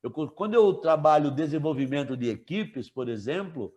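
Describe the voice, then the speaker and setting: Chatty male teacher, slightly high voice. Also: normal speed. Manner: relaxed, chatty, asks students questions, jokes with them. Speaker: teacher leading an online class. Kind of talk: live online class, talking with students.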